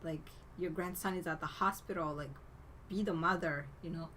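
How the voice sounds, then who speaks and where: A woman's voice: fairly low pitch, steady tone, moderate pace, a bit bright, a little hiss or hum. A woman co-hosting a podcast, casually retelling a movie plot and chaining events with "and then.". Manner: chatty storytelling, strings clauses with "and then". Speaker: podcast co-host. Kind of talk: casual movie recap chat.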